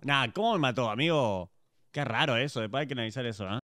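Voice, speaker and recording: A man with a Rioplatense Spanish accent giving excited live gameplay commentary, yelling and swearing in bursts. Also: mid-range voice, quick pace, heavy background noise. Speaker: gaming YouTuber.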